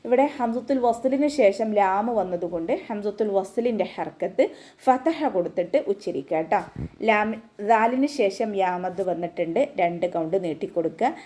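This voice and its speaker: A woman's voice: medium pitch, moderate pace, dark tone. A woman teaching an online recitation class, explaining pronunciation rules step by step in a patient voice.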